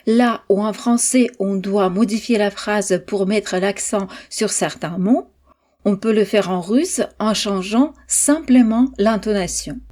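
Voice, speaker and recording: A woman teaching a language lesson, speaking deliberately and articulating example phrases carefully for listeners to repeat. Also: medium pitch, warm tone. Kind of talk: slow, clear language lesson.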